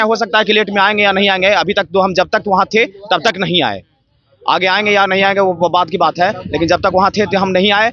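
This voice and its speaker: A man's voice: high voice, sharp tone. A man, a protesting teacher candidate, speaking aggrieved in a street interview and firing off rhetorical questions. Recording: dull lo-fi street recording.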